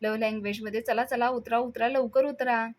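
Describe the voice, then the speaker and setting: A woman voicing an excitable young village man who hurries everyone along, in a retold serial episode. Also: on the high side, a little fast, natural voice. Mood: eager.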